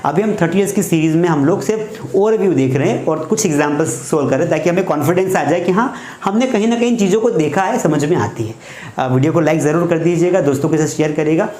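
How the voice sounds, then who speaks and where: A male teacher giving a casual grammar lesson, explaining slowly and repeating key words as quiz questions. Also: on the high side, darkish tone. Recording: echoey room, faint background noise.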